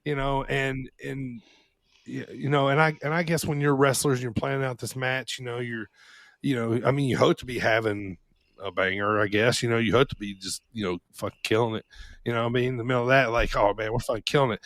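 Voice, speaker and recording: A man's voice: medium pitch, fairly even intonation, a little fast, fairly bright tone, dry recording. A man co-hosting a podcast, talking casually in a rambling way with lots of "you know" and swearing. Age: adult. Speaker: podcast co-host. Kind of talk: casual chat.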